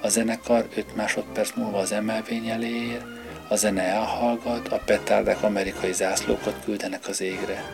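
Man narrating a story, heavy vocal fry, music bed behind. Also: fairly low pitch, flat delivery. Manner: measured storytelling. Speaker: audiobook narrator. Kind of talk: scripted narration. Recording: music playing underneath.

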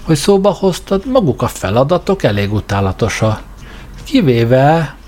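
A slow, dim-witted hulking alien guard, as a male audiobook reader puts him on, dragging out his words and stumbling through his thoughts. His hesitant replies climb oddly high in pitch. Quiet music plays underneath. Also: big pitch swings, close to an everyday voice. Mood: slow, puzzled.

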